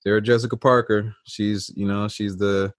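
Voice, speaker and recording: A podcast co-host chats casually about a film, tossing in wry jokes and asides. His voice is on the low side, level in tone and at a normal speed, recorded at studio quality with no room sound.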